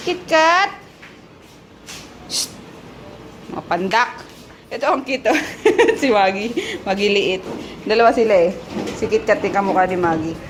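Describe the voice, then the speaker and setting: High-voiced woman vlogging at home. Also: fairly bright tone. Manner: chatty, coos at her pets in a sing-song baby voice. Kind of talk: casual home vlog. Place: family house, moving between rooms and stairs. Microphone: handheld compact camera. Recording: noisy home recording.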